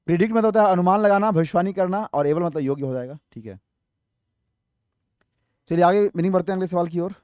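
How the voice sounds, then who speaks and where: Man, vocabulary teacher, high voice, dry close sound, quizzes the viewers and answers himself. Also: fast talker, pauses often, darkish tone, clean tone, no echo. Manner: explains word by word, asks the viewers questions and answers them himself; spells words out letter by letter. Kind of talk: exam-prep vocabulary lesson.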